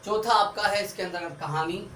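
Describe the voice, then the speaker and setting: Male teacher, step-by-step online lesson, high-ish voice, roomy distant recording. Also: fairly even intonation, normal speed, a bit bright. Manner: explains step by step, writing on a board as he talks. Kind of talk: online Hindi grammar lesson. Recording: echoey room, far from mic, faint background hiss.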